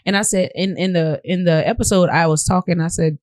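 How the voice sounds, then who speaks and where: A woman's voice: on the low side, fairly even intonation, a little fast, darkish tone, no room sound. Woman podcast host, casual and slangy, teasing, dry close studio mic. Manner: laughs often, playful teasing, slangy.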